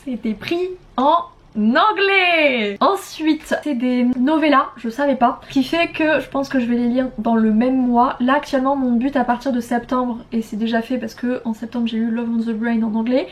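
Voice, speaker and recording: Chatty young woman, high voice. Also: steady tone, moderate pace, hardly any pauses. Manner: chatty, enthusiastic, frank opinions. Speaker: book vlogger. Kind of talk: casual book chat to camera.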